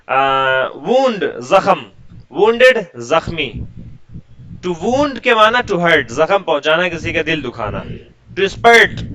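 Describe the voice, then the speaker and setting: Male tutor, bright higher voice, measured word-by-word lesson delivery. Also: a little hiss or hum, rough recording. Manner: slow dictation-like word-by-word explanation; asks rhetorical questions then answers. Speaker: English teacher. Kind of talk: vocabulary lesson with translations.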